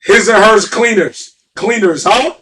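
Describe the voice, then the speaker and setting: A man's voice: sits high, a little slow, a bit bright, far from the mic. A middle-aged man with a New York accent, telling stories in casual, emphatic street talk and repeating himself. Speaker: guest.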